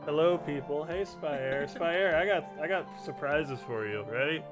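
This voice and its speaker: A man's voice: on the high side, a little slow. A man chatting and joking casually as a streamer during a game. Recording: music clearly behind the voice.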